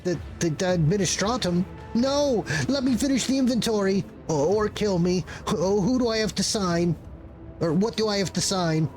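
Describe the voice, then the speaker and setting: A man acting out a harried game clerk with a high-pitched voice. He stammers and pleads, weighed down by guilt and endless work, frantic at every turn. Music plays behind him. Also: moderate pace, darkish tone, natural voice. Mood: panicked. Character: frantic, guilt-ridden, overworked male clerk with head implant. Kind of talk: improvised reading of game dialogue.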